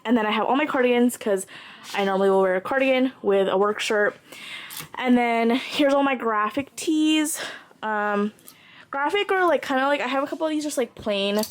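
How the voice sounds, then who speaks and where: A woman's voice: fairly high pitch, normal speed, a little hiss or hum, rough recording. Chatty young woman vlogging at home. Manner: chatty, rambling, lots of "like" and "um". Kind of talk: casual vlog rambling. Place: at home, bedroom closet. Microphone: handheld camera.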